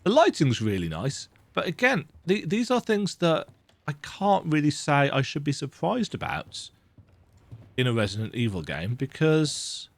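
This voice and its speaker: His voice runs on the high side, very animated and measured, with no room sound at all. A gaming video host nursing a mild cold, he plays a horror game at home in a dark, unlit room, offering casual, chatty, self-mocking let's-play commentary.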